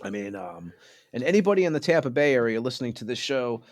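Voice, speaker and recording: A man's voice: mid-range voice, very animated, fast, darkish tone, dry recording, studio quality. A man hosting a podcast in a casual, informal interview style, addressing the guest like a buddy. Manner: informal, says "man" often. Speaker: podcast host.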